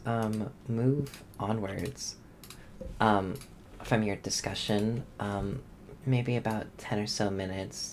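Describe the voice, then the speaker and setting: Male game master, very low gravelly voice, hesitant casual narration. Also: a little hiss or hum. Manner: hesitant, many ums, casual descriptive narration.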